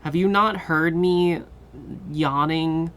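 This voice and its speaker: A woman streamer chatting casually with her viewers, tired and relaxed, swearing now and then. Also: low voice, slow, smooth. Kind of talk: casual chat with live viewers.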